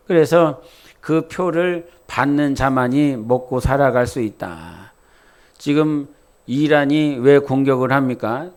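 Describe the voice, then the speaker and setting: A man's voice: mid-range voice, a little mellow, smooth. A man from preaching a sermon, talking casually and quizzing the congregation with questions. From Jeolla, South Korea. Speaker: pastor.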